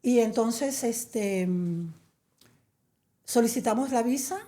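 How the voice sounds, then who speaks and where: A woman's voice: a little high, takes it slowly, mellow. A middle-aged woman from Venezuela, telling her story as a guest in a chatty interview, with many fillers. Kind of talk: conversational interview.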